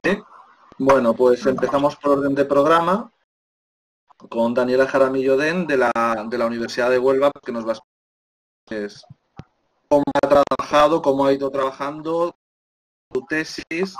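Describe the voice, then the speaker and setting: A man moderates a panel over a video call. He speaks hesitantly and repeats words as he goes, with his voice at an ordinary pitch. A faint background noise runs behind him. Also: normal speed, pauses often, low-quality recording.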